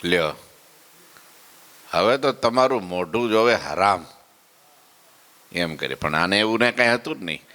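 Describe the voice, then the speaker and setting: A man's voice: lowish voice, expressive, unhurried, long pauses, sharp tone, long reverb tail. A man telling a devotional story as a preacher, acting out the characters and asking listeners questions. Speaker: katha preacher.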